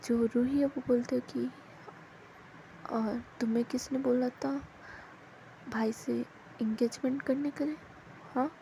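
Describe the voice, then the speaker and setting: A woman voicing a hurt young woman who quietly pushes her love away, speaking softly and subdued. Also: high voice, steady tone, measured pace, vocal fry, long pauses, slight background noise, rough recording. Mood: pleading, hurt.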